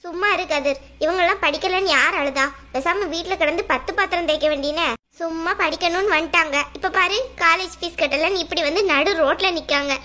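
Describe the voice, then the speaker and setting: A woman's voice: very high-pitched, fairly quick, pushed and bright. A woman voicing a sneering, snobbish college girl. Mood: contemptuous. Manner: mocking, scornful. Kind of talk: cartoon dub acting.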